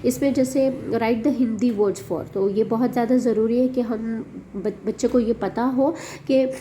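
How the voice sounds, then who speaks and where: A woman talks parents through worksheets in a mellow, slightly high voice. She pauses often and mixes English into her speech. A faint hum of room ambience sits under her voice. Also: fairly even intonation. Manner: hesitant, many fillers, mixes English into Hindi. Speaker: special education channel host.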